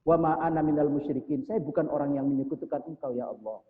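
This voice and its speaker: In a mosque hall, a male preacher delivers a sermon, chanting lines of prayer and then explaining them in a slightly high, fast voice. The recording combines the hall's echo with a thin, tinny, phone-like sound.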